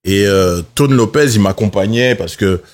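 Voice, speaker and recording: A middle-aged man from France telling lively anecdotes as a guest journalist in a casual chat. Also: fairly low pitch, moderate pace. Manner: lively anecdotes, acts out the people he quotes.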